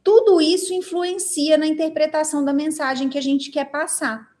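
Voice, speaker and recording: A woman with a Brazilian Portuguese accent teaching an online class, expressive and asking her audience lots of questions while reading their chat replies. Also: high-pitched, normal speed. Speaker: instructor.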